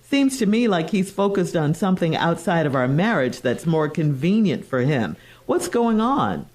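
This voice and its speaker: A woman co-hosting morning radio in DJ style, reading listener letters in a measured, clearly phrased way. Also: on the low side, big pitch swings, a little mellow.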